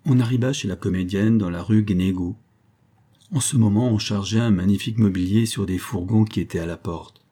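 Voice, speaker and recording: Man, audiobook narrator, measured storytelling, low, husky. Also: mellow. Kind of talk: audiobook reading of a historical novella.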